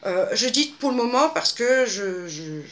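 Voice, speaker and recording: Woman in her fifties, crisp bright voice, halting and chatty, answering viewer questions. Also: fairly high pitch, big pitch swings, a little hiss or hum. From Belgium. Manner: hesitant, many fillers and restarts. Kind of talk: casual Q&A monologue.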